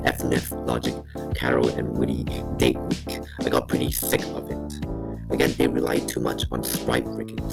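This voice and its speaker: A man talking through a voice changer that disguises his voice as very deep, giving blunt, critical commentary in a deadpan way. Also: creaky. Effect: voice changer making a very deep disguised voice. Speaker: YouTube commentator. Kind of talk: opinionated commentary narration. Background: background music.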